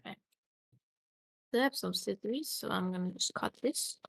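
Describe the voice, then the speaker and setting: A giggly woman co-host chats loosely on a streamed podcast, swearing freely as she jokes around. Her voice carries a gravelly fry at a middle pitch. The sound is dry, with no room around it. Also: moderate pace, fairly bright tone, no echo. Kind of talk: casual chat on a live stream.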